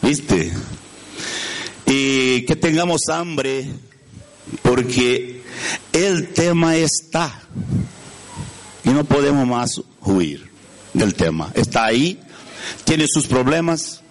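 Animated and mid-range, this man's voice stretches out words and pauses often as he preaches a storytelling sermon in Spanish. He comes from Brazil, speaks Portuguese natively and has a Brazilian Portuguese accent. Frequently he asks his audience questions and reaches for words.

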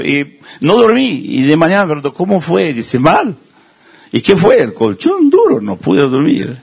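Male preacher, lively husky delivery, conversational sermon. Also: on the high side. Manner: conversational, self-deprecating humor, acts out quoted voices.

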